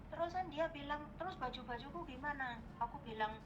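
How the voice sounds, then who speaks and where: A woman's voice: sits high, quick pace, dull audio, noisy background. A woman with a Javanese accent earnestly recounting her troubles to a host, calling her Miss again and again. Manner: earnest, addresses listener as Miss constantly. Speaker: caller telling her story. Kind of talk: emotional personal storytelling. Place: in Hong Kong.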